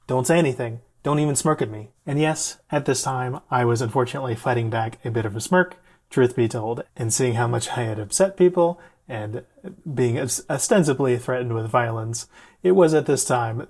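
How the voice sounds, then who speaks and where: A man's voice: mid-range voice, a little mellow. A man telling a personal story in a conversational, self-deprecating way, with the odd laugh. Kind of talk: storytelling vlog.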